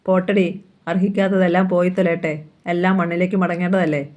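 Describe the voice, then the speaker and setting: A woman reading the lines of a gruff, blunt older father in a novel, in a rough, commanding way. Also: on the low side, little pitch movement, a little fast, darkish tone, muffled recording, close to an everyday voice. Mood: stern.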